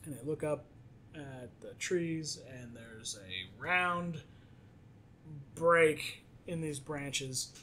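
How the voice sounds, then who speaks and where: A man's voice: a little high, lively intonation, drawn-out words, sharp tone. A man casually recapping a movie plot in a podcast chat, acting out the characters' lines as he goes. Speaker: podcast co-host.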